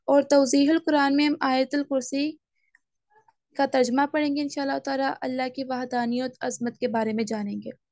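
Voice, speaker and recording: A woman teaching a Quran course class, explaining step by step and slowly reciting Arabic phrases. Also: high voice, level tone, a little mellow, dry recording. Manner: explains step by step, asks class to raise hands. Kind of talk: online class lesson.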